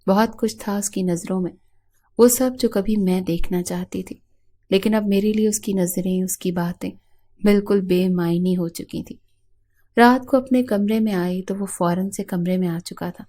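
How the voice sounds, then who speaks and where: A woman narrating a romance novel in the first person, with steady, measured storytelling. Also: medium pitch. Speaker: audiobook narrator.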